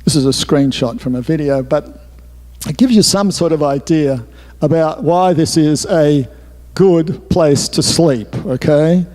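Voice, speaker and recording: Man, author giving a talk, mellow voice, rambling candid asides, long hall reverb. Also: on the high side, measured pace. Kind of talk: storytelling talk with slides.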